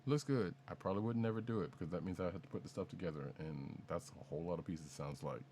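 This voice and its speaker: A man's voice: low voice, fast, mellow, a little hiss or hum. A man co-hosting a podcast, chatting casually through news items with rambling restarts and jokes. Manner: rambling, self-correcting, jokey. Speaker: podcast co-host.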